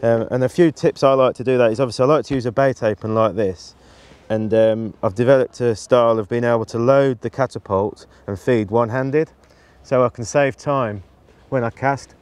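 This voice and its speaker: A man in his forties talks through his tackle in a practical, explanatory way and often restarts his sentences. He is outdoors on a riverbank and recorded close on a lapel mic. His voice sits at an ordinary middle pitch. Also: normal speed, darkish tone, clear, resonant tone. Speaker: match angler demonstrating tactics. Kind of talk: instructional talk to camera.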